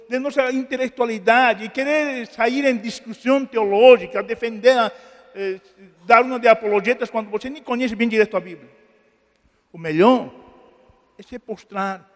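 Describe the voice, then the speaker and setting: Man, Brazilian accent, pastor, sermon, very high voice, earnest, echoing church hall. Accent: Brazilian Portuguese. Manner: earnest preaching, swelling and dropping to soft pleading. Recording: long church hall reverb.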